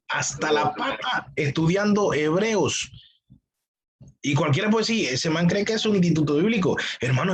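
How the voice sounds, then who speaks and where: A pastor teaching a church theology class, emphatic and full of rhetorical questions. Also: male voice, on the high side, husky, rough recording. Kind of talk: teaching sermon.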